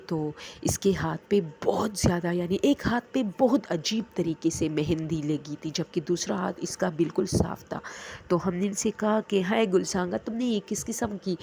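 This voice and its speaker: Gravelly low-voiced woman telling stories. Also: dark tone, slight background noise. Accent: Pakistani Urdu. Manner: chatty, with many fillers and imitated sounds. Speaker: storyteller. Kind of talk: casual spoken storytelling.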